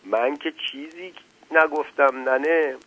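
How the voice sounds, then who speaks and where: A man's voice: a little high, little pitch movement, a bit bright, voice pushed up. A man voicing a fussy older woman, a mother, who protests in a fretful way. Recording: dull lo-fi dry recording.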